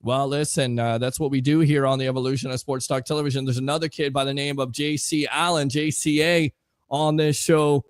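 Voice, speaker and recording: A man hosting a live sports talk stream, reading out chat comments and giving energetic shout-outs. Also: medium pitch, brisk, no room sound, studio quality. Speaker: livestream sports show host.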